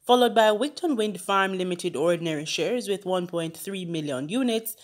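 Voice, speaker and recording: A woman business reporter steadily reading market figures from a script. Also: medium pitch.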